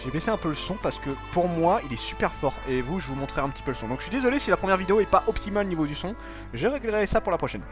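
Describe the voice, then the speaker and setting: Chatty gamer man, lively voice. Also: high-pitched, racing, music in the background. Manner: chatty, apologetic, self-mocking. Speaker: let's play gamer. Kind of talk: casual game commentary.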